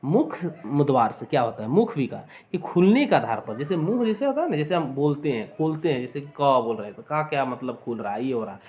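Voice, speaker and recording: A man's voice: mid-range voice, big pitch swings, brisk, few pauses, a little mellow. A man teaching an exam-prep lesson, repeating points, calling his viewers friends and sounding out vowels for them to copy. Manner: repetitive, addresses viewers as friends, demonstrates sounds aloud.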